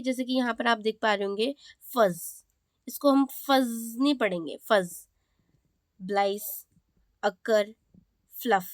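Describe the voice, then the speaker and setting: A woman with an Indian accent teaching English pronunciation rules. She explains each rule in Hindi, then reads it out slowly in English, and checks in with "okay" again and again. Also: fairly high pitch, no echo. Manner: slows down to read rules aloud in English, repeats "ठीक है". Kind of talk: classroom explanation.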